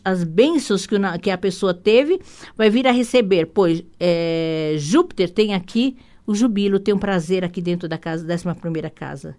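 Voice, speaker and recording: Brazilian woman hosting radio astrology talk. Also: medium pitch. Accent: Brazilian Portuguese. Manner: rambling, warm asides with frequent "né?" tags; hurried, many restarts and repeated words. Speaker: radio show host and holistic psychotherapist.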